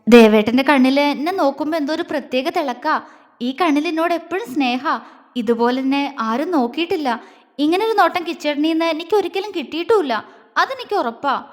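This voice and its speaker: A woman's voice: high voice, animated, fairly quick, long reverb tail. Woman doing a sweet shy young girl. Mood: tender. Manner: sweet, earnest, slightly pouting. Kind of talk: audio story character voice.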